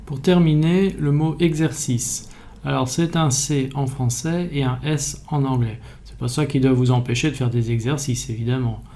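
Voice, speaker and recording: Mellow-voiced man teaching spelling. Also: mid-range voice, moderate pace. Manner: calm, methodical explaining. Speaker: French language teacher. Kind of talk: explanatory video lesson.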